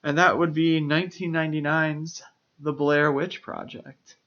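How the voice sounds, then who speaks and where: A man co-hosts a podcast and talks through films in a casual, explanatory style, leaning on lots of filler phrases. His voice is on the high side and a bit bright, with a steady tone and an unhurried pace, and the recording sounds dull and lo-fi.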